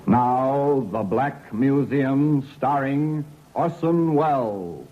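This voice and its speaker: A man's voice: medium pitch, lively intonation, drawn-out words. A man announcing a programme in the style of an old radio show. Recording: phone-like, hissy vintage radio recording.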